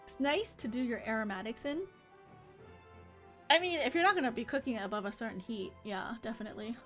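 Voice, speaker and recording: This live streamer's voice is fairly high, fairly quick and fairly bright. While playing an online game, she chats in a loose, rambling way and reads the game's dialogue aloud, with game music in the background.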